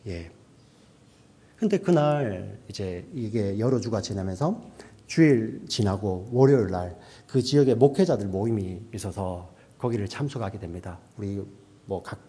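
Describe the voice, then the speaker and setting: A male pastor delivering a sermon, often checking in with the congregation and moving between a raised voice and a hushed near-whisper. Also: fairly low pitch, animated, moderate pace, husky. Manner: preaching with frequent "yes" and "right?" asides to the congregation.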